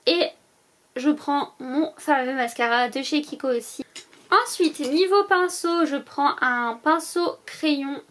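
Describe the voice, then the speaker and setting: A woman's voice: high voice, slow, fairly bright tone. A woman vlogger talking casually to her viewers, listing items one by one with many hesitant fillers. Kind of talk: casual packing-list vlog.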